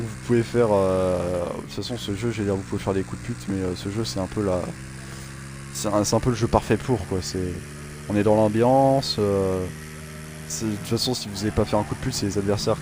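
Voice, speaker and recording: Over noisy game sounds and music, a man with a low, steady voice talks briskly. He's a gaming channel host commentating on his own racing gameplay, rambling, joking, and restarting with plenty of fillers.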